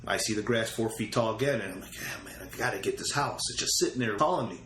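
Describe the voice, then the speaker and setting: This man talks fast in a voice on the low side with a fairly bright tone. As a real estate investor guest on a casual storytelling interview, he retells his conversations, quoting what was said. The room echoes, and there's faint ambient noise.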